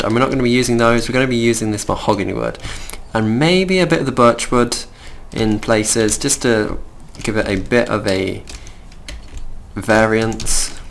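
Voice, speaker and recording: Gravelly young Midlands man chatting. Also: fairly low pitch, fairly bright tone, a little hiss or hum. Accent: Midlands English. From England. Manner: chatty, rambling, easily distracted. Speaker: gaming channel host. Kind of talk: casual game commentary.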